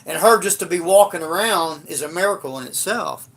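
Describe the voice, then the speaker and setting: A man's voice: high-pitched, expressive, a little fast, fairly bright tone, slightly rough. An older man, telling a rambling, blunt and profane story in a casual livestream. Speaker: livestream host.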